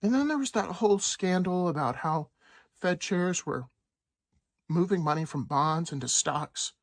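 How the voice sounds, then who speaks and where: A man's voice: sits high, a little slow, dry recording, clean studio sound. Sarcastic man riffing on economics. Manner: sarcastic, lively, with mocking quoted voices. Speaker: commentary host. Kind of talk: casual commentary to camera.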